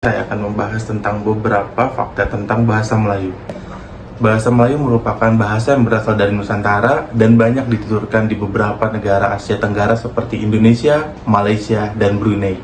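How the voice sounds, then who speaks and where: A young man with a lowish voice reads his class presentation evenly, with little rise and fall. The room around him echoes noticeably, with a faint hiss behind. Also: level tone, fairly quick. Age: young adult. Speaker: university student presenter.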